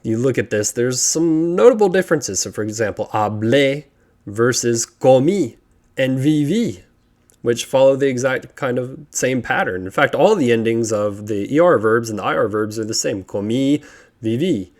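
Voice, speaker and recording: A man with a voice of middling pitch narrates a language tutorial, slow and methodical. He spells out verb endings one at a time and chants the patterns over and over, recorded close on a desk mic. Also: expressive, darkish tone. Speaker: language teacher.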